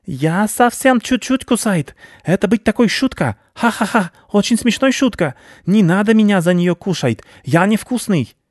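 A man's voice: medium pitch, animated, normal speed, dry recording, studio quality, pitched above the performer's own voice, close to an everyday voice. A man voicing a pompous, vicious male rat baron who talks in broken grammar, for a storybook reading. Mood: pleading. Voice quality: broken grammar, haughty and blustering.

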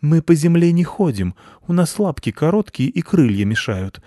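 A man voicing a nervous male bat who leads a colony, squeaking and fussing in a storybook reading. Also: very animated, moderate pace, dark tone, no echo, studio quality. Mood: pleading. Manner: high, squeaking, fussy and flustered.

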